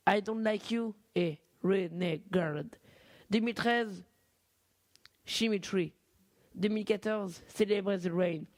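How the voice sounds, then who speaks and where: A man's voice: high voice, a little mellow, no echo. A young man with a French accent hosting a casual amateur radio show, chatty and informal, often correcting himself mid-sentence. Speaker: radio host.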